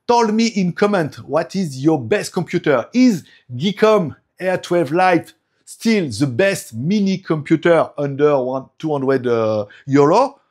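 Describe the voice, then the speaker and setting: He is a friendly home vlogger from France, a native French speaker with a strong accent, giving a casual product review in loose, broken English. His voice is a little high for a man and unhurried, and he is lively, chuckling between phrases and laughing often.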